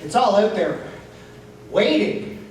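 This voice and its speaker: An actor playing an excitable, hopeful comrade in a stage comedy. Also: mid-range voice, slow, slight background noise. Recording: echoey hall from far off.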